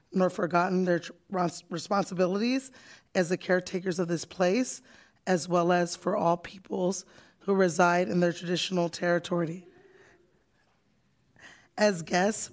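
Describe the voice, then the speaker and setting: Low-voiced woman chairing a meeting. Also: darkish tone. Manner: brisk, reads a prepared statement. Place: public meeting room.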